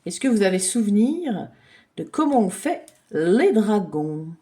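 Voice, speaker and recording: A woman giving a gentle, chatty drawing lesson for children, thinking aloud as she tells a story. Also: mid-range voice, very animated, measured pace.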